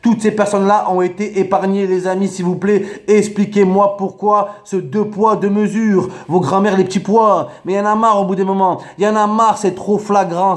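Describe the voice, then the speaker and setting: Young french guy ranting to camera, high voice, cheeky and mocking, keeps repeating jokes. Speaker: vlogger. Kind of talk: rant to camera.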